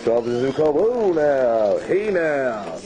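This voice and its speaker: A man's voice: mid-range voice, very animated, unhurried. A man holding a camcorder at a family Christmas gathering, joking and humming nonsense scat as he films, heard on an old VHS home video tape. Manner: jokey, hums nonsense scat sounds. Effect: old VHS camcorder home video sound. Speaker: home video camera operator. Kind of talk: playful running commentary while filming. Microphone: built-in camcorder mic. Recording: old VHS tape with loud music behind.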